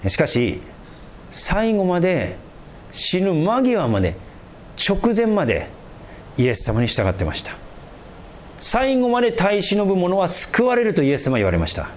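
A male pastor giving an emphatic, animated sermon. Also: high voice, moderate pace, pauses often, a little hiss or hum.

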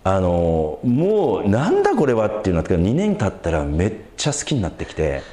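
A man preaching a sermon as a pastor, in an animated, conversational way with big swings in pitch. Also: a little fast, roomy sound.

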